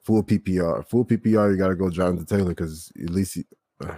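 A man with a low voice, recorded dry and close, running a fantasy football show. He sets up each game and hands questions to his co-hosts in a loose, casual way. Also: fast talker, breathy edge, no echo. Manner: leads the segments, gives shout-outs, tosses questions to co-hosts. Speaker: fantasy football podcast host. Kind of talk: casual sports chat.

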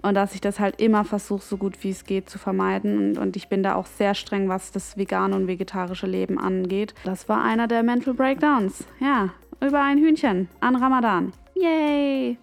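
A young woman telling a personal story in a chatty, animated way, full of slang and fillers. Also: medium pitch, fairly quick, creaky, faint music behind. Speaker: vlogger. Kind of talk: casual storytelling to camera.

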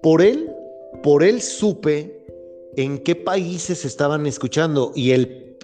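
A man's voice: fairly high pitch, expressive, takes it slowly, mellow, faint music behind. Earnest man hosting a faith podcast. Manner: earnest, rambling, with frequent restarts and fillers. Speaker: podcast host. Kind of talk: casual faith-based podcast conversation.

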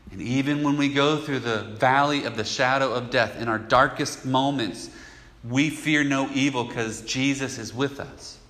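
Male pastor, sermon, bright clear voice, conversational and emphatic, long hall reverb. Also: medium pitch, moderate pace.

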